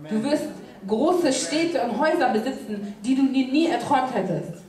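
A woman's voice: sits high, moderate pace. A young woman working as an interpreter at a church service, steadily repeating the sermon phrase by phrase. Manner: steady, plain delivery following the preacher phrase by phrase. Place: large church hall with stage. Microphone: handheld mic, filmed from far. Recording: very echoey church hall, distant mic.

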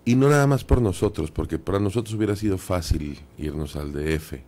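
Man, extremely deep voice, earnest, hesitant fillers, radio interview. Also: brisk, warm tone. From Sonora, Mexico. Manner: earnest, many fillers like "este". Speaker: dubbing studio director.

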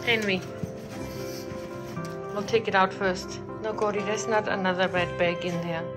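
A woman films her dogs on a handheld phone in her home's hallway, speaking from behind the camera in casual, doting baby talk and repeating phrases. Her medium-pitched voice is fairly even and a little slow, heard over loud music.

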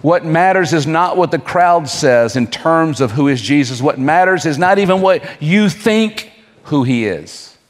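A man's voice: on the high side, expressive. Man preaching in a reverberant hall. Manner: rhetorical questions, dramatic pauses. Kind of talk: sermon. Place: church hall.

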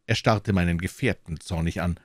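A man with a German accent reading a classic detective story aloud as an audiobook narrator, with an expressive, dramatic delivery. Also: low voice, moderate pace, no echo, clean studio sound.

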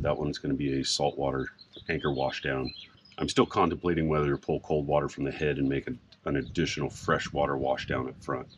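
A middle-aged man casually explaining a boat project outdoors in a sailboat cockpit, relaxed and rambling with frequent fillers. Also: extremely low pitch. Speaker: sailboat owner and vlogger. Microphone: camera on a mount a few feet away. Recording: outdoor recording with background noise.

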